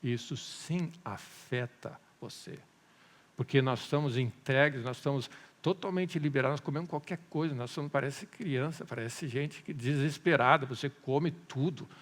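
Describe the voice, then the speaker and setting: Animated preacher with long hall reverb. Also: male voice, medium pitch, moderate pace. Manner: animated storytelling, asks "amém?" often. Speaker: pastor. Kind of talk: sermon. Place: church hall.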